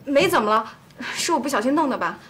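A woman's voice: high-pitched, expressive, fast talker, fairly bright tone, slight background noise. An actress playing a spirited young woman who scolds the men sharply. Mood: complaining. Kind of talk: TV drama acting.

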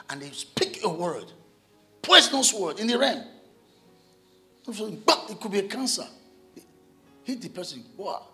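A man, a pastor preaching a sermon in church, animated, breaking into shouts and chuckles. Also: sits high.

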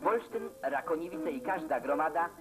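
A man's voice: fairly high pitch, expressive, normal speed. A man reading scripted narration for an old newsreel in a formal, declamatory way. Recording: narration over loud guitar music.

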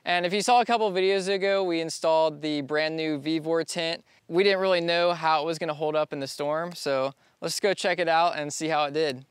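A young man in his twenties, a DIY vlogger, chats casually outdoors on a rural property, easygoing and often laughing. His slightly high voice holds a steady tone at a somewhat fast pace with hardly any pauses, and the lapel or on-camera mic gives clean, smooth, studio-like sound without room noise.

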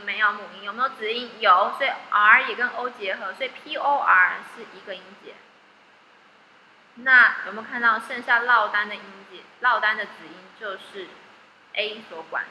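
A woman's voice: fairly high pitch, bright, forceful tone, highs cut off. A woman teacher with a Taiwanese Mandarin accent, running a phonics lesson and coaxing the class with questions. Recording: echoey hall with faint noise.

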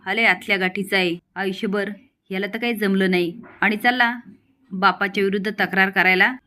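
A stern old father, as a woman storyteller puts him on, harsh and dismissive. His curt, gruff words land at an ordinary pitch. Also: steady tone, a little fast, bright, forceful tone, natural voice.

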